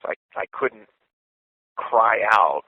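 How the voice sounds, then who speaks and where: A man in his forties hosting a podcast from prison over a payphone call, speaking in a measured, thoughtful, reflective way. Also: fairly low pitch, lively intonation, breathy edge, no room sound. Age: 40s. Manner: measured, thoughtful, deliberate delivery. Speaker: podcast host and imprisoned writer. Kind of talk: reflective spoken essay. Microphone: phone handset. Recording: tinny dry phone line.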